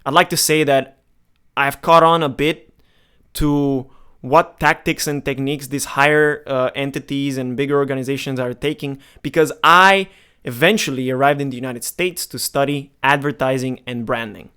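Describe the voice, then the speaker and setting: Candid young man, smooth and clear. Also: medium pitch, steady tone, moderate pace, sharp tone. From Romania. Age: 20s. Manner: candid, emphatic, talks straight to the viewer. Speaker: marketing vlogger. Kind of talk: casual direct-to-camera monologue.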